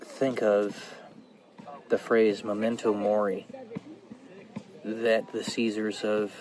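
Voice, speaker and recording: A man's voice: on the low side, rough recording. A man talking casually to his viewers in an unscripted, reflective and informal vlog style, outdoors. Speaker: vlogger. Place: outdoors in a park. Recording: clear background ambient noise.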